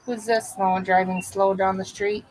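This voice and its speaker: A middle-aged woman speaks with a Minnesota accent. Her voice sits at an average pitch. She chats casually, like the host of a small live stream. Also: little pitch movement, measured pace, a little mellow, a little hiss or hum, rough recording. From Minnesota and Wisconsin, upper Midwest. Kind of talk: casual chat.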